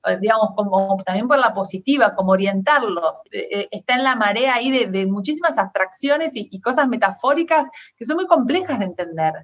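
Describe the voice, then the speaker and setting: A woman's voice: mid-range voice, lively intonation, fairly quick, few pauses, dull audio. A woman with a Rioplatense Spanish accent, a guest on a podcast, explaining things in casual conversation and often tagging her sentences with questions. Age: adult parent. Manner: explanatory, frequent tag questions.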